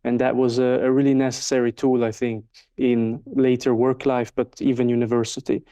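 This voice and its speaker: A man's voice: medium pitch, level tone, normal speed, dark tone, smooth. A Swiss man in his twenties, a native Swiss German speaker, answering interview questions in a thoughtful way with many fillers. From Switzerland. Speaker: interview guest, market researcher. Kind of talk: casual interview.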